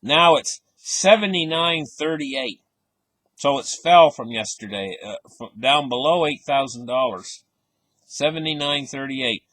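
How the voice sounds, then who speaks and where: A man's voice: mid-range voice, unhurried, fairly bright tone, no room sound. A man giving casual market commentary, reading out headlines and stressing words with a skeptical, offhand manner. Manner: casual grammar, frequent fillers.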